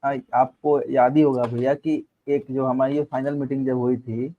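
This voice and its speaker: A man's voice: mid-range voice, little pitch movement, normal speed, lo-fi sound. A man interviewing a former fellow teacher, deferential and casual, often addressing him as an elder brother. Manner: deferential, keeps calling the guest elder brother.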